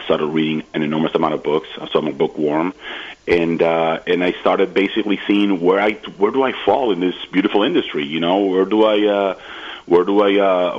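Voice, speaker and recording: A man from the Dominican Republic, a guest on a radio interview, talking eagerly with many halting restarts. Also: sits low, husky, dull audio.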